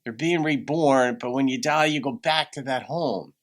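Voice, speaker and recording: A man's voice: medium pitch, moderate pace. A man hosting a reaction video with conversational commentary in a thoughtful, musing manner.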